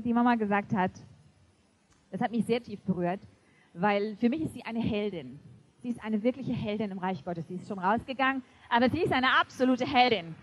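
A woman preaching a sermon to a congregation, emphatic and lively, often laughing. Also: on the high side, low-quality recording. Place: church before a congregation.

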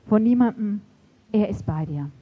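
A middle-aged woman preaching a sermon in an animated storytelling way, acting out the voices she quotes. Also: medium pitch, moderate pace. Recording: dull lo-fi recording.

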